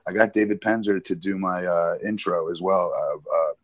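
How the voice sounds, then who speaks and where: A man's voice: low-pitched, moderate pace, no echo, muffled recording. A man in his forties, a guest wrestler chatting on a podcast with brash, boastful banter. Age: 40s. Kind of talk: casual podcast chat.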